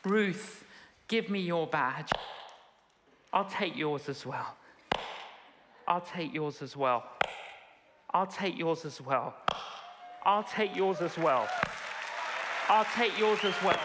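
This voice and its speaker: A woman preacher playing a calm, solemn, gentle saviour, speaking in measured, repeated phrases in a sermon sketch. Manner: low, measured, repetitive. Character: calm, solemn, gentle Jesus taking others' guilt. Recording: echoey hall, reverberant, audience noise.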